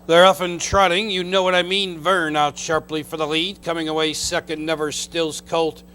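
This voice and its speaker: A man's voice: a little high, level tone, normal speed, bright, forceful tone, slight background noise. A man calling a live harness race as track announcer, in clipped phrases that run through the field and positions. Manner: race-caller delivery in clipped phrases listing horses and positions. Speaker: horse race caller. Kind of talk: live harness racing commentary. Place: racetrack announcer's call.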